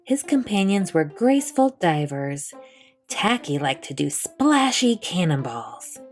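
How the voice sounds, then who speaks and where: A woman reading a children's picture book aloud as a storyteller, with expressive delivery. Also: on the low side, a little slow, soft background music.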